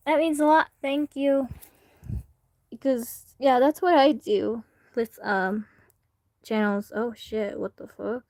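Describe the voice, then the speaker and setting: A woman's voice: fairly high pitch, a little mellow, dry recording, studio quality. A woman streamer chatting casually to her viewers during a reaction stream, rambling and hesitant with lots of fillers. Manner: talks to chat directly. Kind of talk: casual livestream reaction chat.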